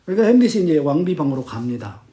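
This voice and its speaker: A man teaches a literature class and retells a play's plot as an animated story. His voice sits high and swings widely. His tone is mellow and warm. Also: quick pace. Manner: animated storytelling, acts out quotes.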